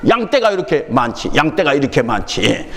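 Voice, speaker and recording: A man's voice: a little high, big pitch swings, fairly quick, a bit bright, big-room sound. A man preaching a sermon as pastor, speaking with a Jeolla accent and telling stories with humor, quizzing his congregation and laughing along. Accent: Jeolla dialect. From Jeolla region, Korea. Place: church sanctuary.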